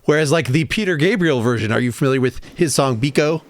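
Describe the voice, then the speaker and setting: A man's voice: medium pitch, animated, fast. A man hosting a podcast interview, enthusiastic and rambling, often restarting his thoughts. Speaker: podcast host.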